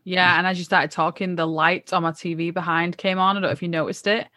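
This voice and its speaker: A woman's voice: fairly low pitch, flat delivery, quick pace, bright, forceful tone, no room sound, clean studio sound. A woman co-hosting a relationship podcast, speaking in a conversational, spiritual way. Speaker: podcast co-host. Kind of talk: casual reflective chat.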